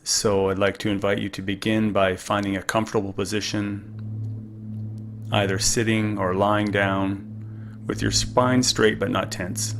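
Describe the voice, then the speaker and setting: A man leading a guided meditation in a calm, soothing, unhurried manner. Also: lowish voice, a little hiss or hum. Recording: music playing behind the voice. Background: meditation music.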